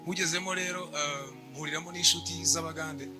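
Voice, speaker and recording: A young man from Rwanda giving a church testimony in short, measured phrases, pausing for an interpreter. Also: on the high side, steady tone, over music. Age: young adult. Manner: measured, speaks in short bursts.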